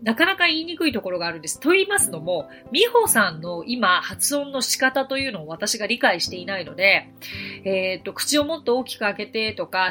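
A woman's voice: mid-range voice, fairly bright tone. A woman hosting a podcast lesson as an English teacher, explaining things step by step in a friendly, encouraging way.

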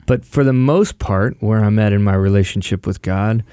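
A man's voice: on the low side, moderate pace, dark tone, clear, resonant tone, no room sound, clean studio sound. A man in his forties, chatting casually as a podcast guest, thoughtful with some joking. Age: 40s. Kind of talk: casual chat.

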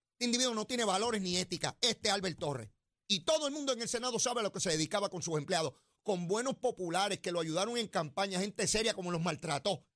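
A middle-aged man with a Puerto Rican accent hosting a political talk show, combative and mocking, swinging between loud and quiet, talking into a studio mic. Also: high-pitched, no echo. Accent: Puerto Rican Spanish. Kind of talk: political commentary monologue.

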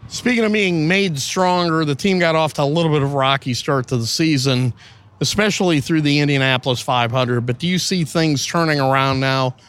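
Slightly high-voiced male interviewer. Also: a little fast, fairly bright tone, smooth. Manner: long, detailed setup questions. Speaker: show host. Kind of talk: interview questions.

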